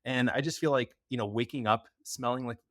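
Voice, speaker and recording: This medium-pitched voice belongs to a young man from the United States who appears as a podcast guest specializing in preventative health. He chats quickly and casually, full of filler words, in a relaxed interview. The sound is dry and clean, as in a studio.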